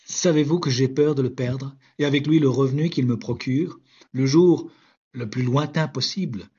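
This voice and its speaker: A man, a language teacher, narrating a scripted explanation in a measured, wry way. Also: mid-range voice, warm tone, slightly rough. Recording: dull lo-fi recording.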